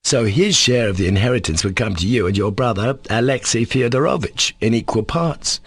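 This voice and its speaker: A man's voice: medium pitch, expressive, fairly quick, breathy edge, no room sound. A man voicing a sickly, insolent male servant. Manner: cool, defiant, sarcastic.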